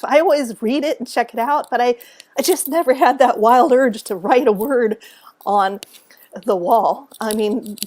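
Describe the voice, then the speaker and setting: A woman telling a story to camera in a relaxed, animated way, acting out what people said and laughing along the way. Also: a little high. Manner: animated, acts out quotes, laughs often. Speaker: author and speaker. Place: at home.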